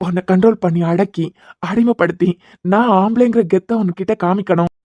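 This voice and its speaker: A woman's voice: medium pitch, fairly quick, mellow, no echo, lo-fi sound, natural voice. A woman with a Kanyakumari Tamil accent voicing an earnest, apologetic young man in a cartoon serial. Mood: pleading. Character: earnest young man pleading with his love.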